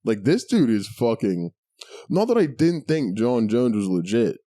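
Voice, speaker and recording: Animated, mellow-voiced man chatting. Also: mid-range voice, a little slow, dry recording, studio quality. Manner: laughing, profane, sarcastic, animated storytelling. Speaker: podcast co-host. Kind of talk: casual chat.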